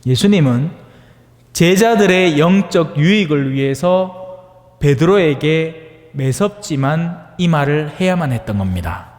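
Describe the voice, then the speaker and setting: Lively priest preaching in a hall. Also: male voice, a little high, unhurried. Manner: conversational, asks the audience for agreement; acts out voices in dialect-tinged asides. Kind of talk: homily on the Gospel.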